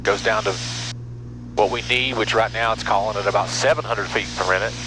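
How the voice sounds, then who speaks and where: Speaking a little fast in a steady, lowish voice, a middle-aged American man chats and explains as he pilots a small propeller airplane for his vlog. He talks into an aviation headset mic. The audio carries a loud engine drone and intercom sound.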